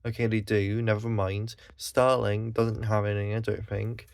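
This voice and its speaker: A man's voice: on the low side, level tone, unhurried, creaky, dry recording. A Scottish man delivering a blunt, profane monologue, exasperated, sighing and correcting himself as he goes. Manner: swears a lot, blunt and exasperated, with sighs and self-corrections. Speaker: vlogger.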